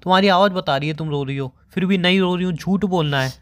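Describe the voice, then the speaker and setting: A young man talks quickly and insistently, firing question after question. He scolds and presses in a staged boyfriend phone call. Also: high-pitched.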